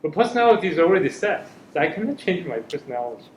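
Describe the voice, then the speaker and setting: On a panel in a school hall or room, a middle-aged parent who grew up speaking Korean talks earnestly, searching for words in his second language. His somewhat high, darkish voice races along with big pitch swings. The audio is echoey and slightly dull, with a little hiss or hum.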